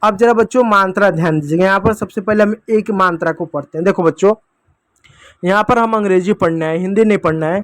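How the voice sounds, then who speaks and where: Man, high voice, patient kids' teacher, dry close sound. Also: brisk, no room sound. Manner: patient, repeats points, addresses kids often. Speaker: English teacher. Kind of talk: classroom lesson for kids.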